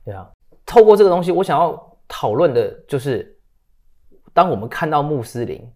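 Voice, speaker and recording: A man's voice: a little high, very animated, normal speed, a little mellow. A man in his thirties co-hosting a casual talk show, telling stories with English phrases mixed in. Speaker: co-host. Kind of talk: casual political chat.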